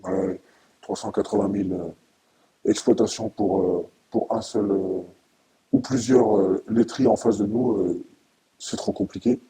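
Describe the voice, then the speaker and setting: A middle-aged French man, a farmer giving halting interview testimony, his voice disguised by deep pitch-shifting. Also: fairly even intonation, vocal fry, mellow, slight background noise, low-quality recording. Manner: halting, with repeated words and long hesitations.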